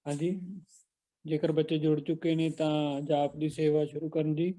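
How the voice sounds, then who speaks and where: A man hosting an online class, gently correcting and announcing students. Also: a little high, level tone, moderate pace, a little hiss or hum. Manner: gentle corrective, addresses children as beta ji. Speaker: teacher hosting online camp. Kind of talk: instructive announcing.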